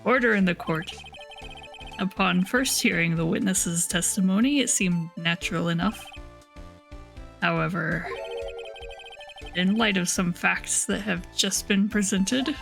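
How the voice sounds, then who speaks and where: A woman voicing an old, fussy male courtroom judge with a formal, deliberate reading for a voice-acted game reading. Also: fairly low pitch, gravelly, a bit bright, soft background music. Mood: stern.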